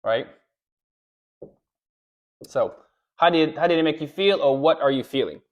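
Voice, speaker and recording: A man giving relationship advice straight to the camera, animated, often checking in with "right?" and acting out what a wife might say. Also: fairly high pitch, a little slow, highs cut off. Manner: animated, repeats "right?", acts out quoted lines. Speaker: relationship coach. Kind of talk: direct-to-camera advice talk.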